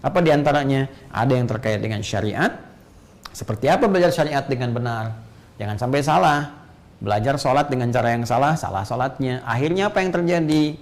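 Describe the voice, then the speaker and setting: An Indonesian preacher delivers a motivational lecture, his voice gravelly with a middle pitch. He talks in an animated way, climbing to high emphatic peaks and tossing in playful asides. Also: brisk.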